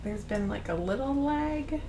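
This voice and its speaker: Woman tabletop player, casual chatting, higher voice, little bit of noise. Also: expressive, measured pace. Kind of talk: casual game chat. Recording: faint background noise.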